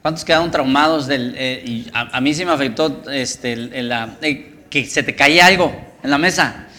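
A man pastor preaching casually, halting often with fillers. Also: mid-range voice, bright, forceful tone, slight background noise. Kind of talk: sermon.

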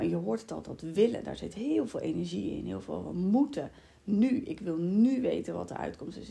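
A woman hosting a reflective spiritual podcast, calm and soft-spoken, often quoting her own inner voice and pausing on fillers. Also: lowish voice, creaky. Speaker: podcast host and women's circle coach.

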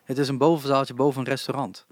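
A man's voice: medium pitch, little pitch movement, fast talker. A man chatting casually about small concert venues, with frequent hesitations. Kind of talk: casual chat about live music venues.

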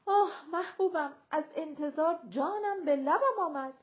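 A woman's voice: extremely high pitch, dull audio, pitched above the performer's own voice. A woman voicing a lovesick young male lover in an audiobook, imploring and theatrical. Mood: pleading.

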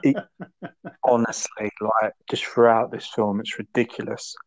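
A podcast co-host chats casually about a film, rambling enthusiastically and acting out quotes. His voice is lowish and flat in delivery, and he keeps a measured pace.

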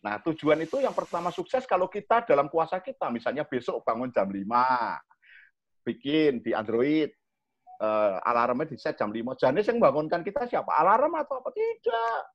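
Animated Javanese-accented man, lo-fi. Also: on the high side, moderate pace. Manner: animated, acts out examples with sharp raised-voice quotes. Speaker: communication coach. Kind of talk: explaining to young people in a chat. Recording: dull lo-fi sound.

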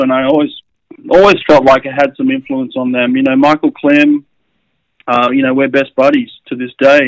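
A middle-aged Australian man tells stories from his swimming days in a casual, animated way, often restarting his sentences. His voice sits in a middle register, and the sound is dry and close with no room echo. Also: mid-range voice, gravelly. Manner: animated anecdotes with frequent restarts and "uh"s. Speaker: swimming coach and former swimmer. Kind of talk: casual storytelling.

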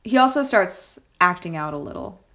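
A woman's voice: lowish voice, lively intonation, normal speed, fairly bright tone. A woman co-hosting a casual film discussion, chatty and filler-heavy, often checking in with "right?". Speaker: podcast co-host.

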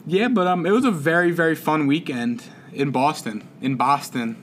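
A man's voice: on the high side, sing-song, normal speed, a little hiss or hum. A man co-hosting a sports podcast, talking loosely and rambling with lots of fillers and laughter. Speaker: podcast co-host. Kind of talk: casual sports chat.

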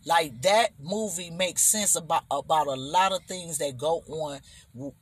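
A middle-aged man hosting a casual podcast chat, animated, who keeps checking that listeners follow him. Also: a little high, unhurried, slightly rough. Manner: animated, keeps asking "you understand?". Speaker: podcast host.

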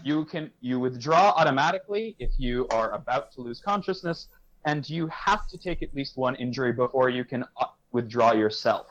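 A man's voice: medium pitch, animated, normal speed, a bit bright, lo-fi sound, close to an everyday voice. A man voicing an offhand male professor who runs a battle league, breezy and distracted, trailing off as he talks. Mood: instructing.

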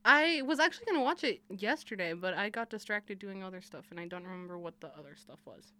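Young woman co-host, bright, expressive pitch, chatty and profane. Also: fast talker. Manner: chatty, laughing, swearing, rambling. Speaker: podcast co-host. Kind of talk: casual chat.

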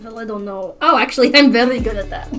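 A woman's voice: on the high side, quick pace, music in the background. A woman chatting casually as a player in a tabletop game.

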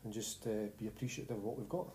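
A man's voice: mid-range voice, rapid-fire, mellow, slight background noise. A man with a Scottish accent co-hosting a podcast in a casual, bantering chat about sport. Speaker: podcast co-host.

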